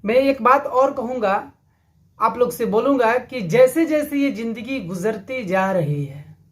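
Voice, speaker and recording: A man speaks slowly and deliberately, giving a motivational talk. He preaches earnestly and moves into a story. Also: very high voice, lively intonation.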